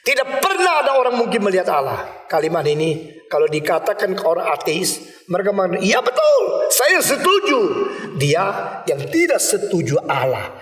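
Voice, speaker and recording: Animated preacher, high lively voice. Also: male voice, a little fast. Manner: animated, emphatic, mixes in English words. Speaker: pastor. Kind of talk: sermon. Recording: echoey hall from a distance.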